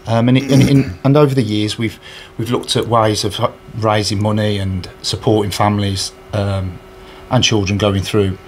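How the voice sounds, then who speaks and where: Indoors in front of a sponsor board, a charity match organiser answers an interviewer who holds a handheld recorder. He has a low-leaning, level voice at normal speed with few pauses, yet his earnest replies still contain many fillers and restarts. A slight hiss or hum runs underneath.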